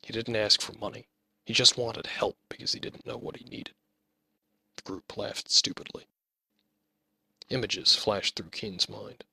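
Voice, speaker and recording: A man narrating his own fantasy novel as an audiobook, reading in a measured storytelling manner. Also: fairly low pitch, steady tone, vocal fry, sharp tone, husky, dry recording.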